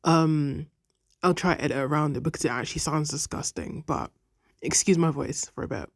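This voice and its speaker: Over heavy background noise, a creaky, brisk, medium-pitched voice belongs to a twenty-something art vlogger with a stuffy nose. Casually touring a sketchbook, they curse often, self-deprecate, and lose track partway through sentences.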